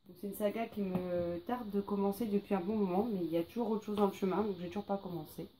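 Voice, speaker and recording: Female book vlogger, mellow and relaxed, chatty with fillers; light background hiss. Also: mid-range voice, quick pace. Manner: chatty, lists titles with many fillers. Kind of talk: casual to-read pile presentation.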